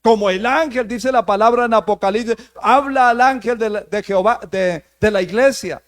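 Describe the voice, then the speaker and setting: A man's voice: high-pitched, moderate pace. A man preaching a sermon as pastor, repeating "brother" and building emphasis.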